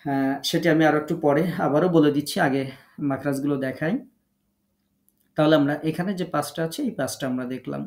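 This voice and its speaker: Guy teaching an online class, bit high voice, patient step by step, echoey room. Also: fairly even intonation. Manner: patient, explains slowly step by step. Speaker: Quran recitation teacher.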